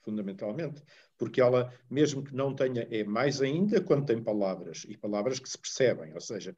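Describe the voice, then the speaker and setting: Halting man on a muffled line. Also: mid-range voice, animated, warm tone, husky. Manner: thoughtful, halting, many restarts. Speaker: panel guest. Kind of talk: panel discussion. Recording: dull lo-fi recording.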